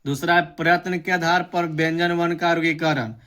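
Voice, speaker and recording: A young man giving an exam-prep grammar lesson, reading out definitions slowly and repeating them. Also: a little high, steady tone, a bit bright. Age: young adult. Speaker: teacher.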